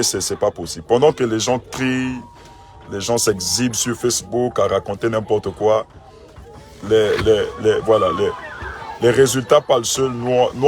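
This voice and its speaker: A man, a pastor talking outside his church among a crowd, exclaiming and repeating himself in disbelief. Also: mid-range voice. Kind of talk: phone video to followers, then addressing a crowd.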